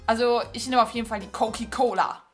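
A woman hosting a let's-play gaming video, talking excitedly to her viewers in a chatty, casual way as she plays. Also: on the high side, quick pace, faint music behind.

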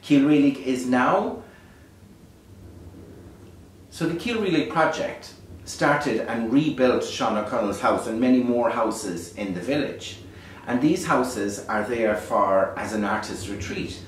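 An Irish man speaks in a lilting storyteller's way, casual and reflective. His mid-pitched voice rings in a very echoey space, picked up from a distance over faint noise. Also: slow pace. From Ireland. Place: beside a small fire in a dark stone hearth. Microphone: distant camera microphone.

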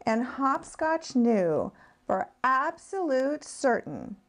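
A woman, a speech-language pathologist, reading a children's picture book aloud in an expressive, sing-song way. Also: sits high, slow.

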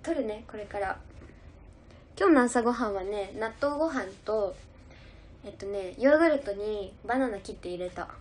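A woman's voice: mid-range voice, expressive, normal speed, a little mellow. A young woman idol chatting casually on a livestream, giggling as she reads out and answers viewer comments. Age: young adult.

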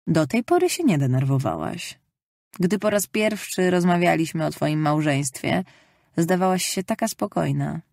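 A woman voicing a loving, gentle mother who tenderly reassures her daughter, in an audiobook reading. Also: fairly low pitch, expressive, moderate pace, vocal fry, no room sound, studio quality.

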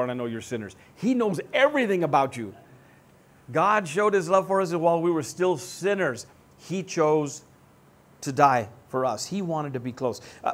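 An American man preaching a sermon as pastor, conversational and joking, often putting questions to his congregation. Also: fairly high pitch.

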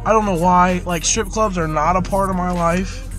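A man's voice: high-pitched, normal speed, fairly bright tone. A man in his thirties, drunk and chatting casually into a vlog camera as a crude, boisterous party animal. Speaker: vlogger. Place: nights out in cars, bars and a house. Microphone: handheld camera at arm's length. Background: music.

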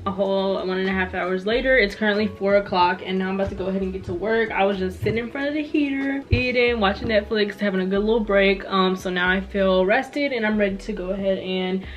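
A woman's voice: mid-range voice, fast talker, few pauses, lo-fi sound. A woman around twenty talking casually to camera as a student vlogger in a small room. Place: small bedroom, indoors.

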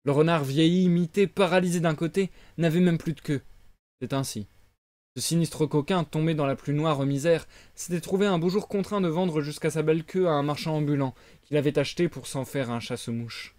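Lecteur masculin de conte, narration posée, son sec et proche. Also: male voice, on the high side, fairly quick, a little mellow, no room sound. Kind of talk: lecture de conte en direct.

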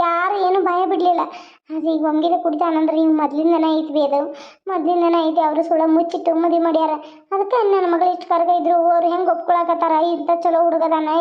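A caring, protective mother in a village cartoon, voiced by a woman, comforting her daughter in a very high, quick voice. She, and the recording is dull and lo-fi. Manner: comforting, pleading.

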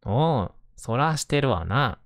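A man with a Kansai accent talking gently and casually in a reassuring, intimate ASMR bedtime style, close to the microphone. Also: medium pitch, lively intonation, takes it slowly, no echo. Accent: Kansai Japanese. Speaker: host reading bedtime picture books to listener.

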